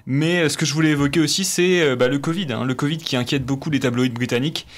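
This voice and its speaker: A man's voice: fairly high pitch, fast. Hesitant man reading sports press. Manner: hesitant, many fillers and restarts. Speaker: press review presenter on student radio. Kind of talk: radio press review.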